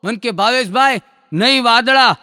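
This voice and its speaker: Male comedian, very high bright voice, folksy stage storyteller, hall reverb. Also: smooth, studio quality. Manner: folksy storytelling, acting out characters in quick dialogue. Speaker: stand-up comedian. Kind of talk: Gujarati joke telling, stage storytelling.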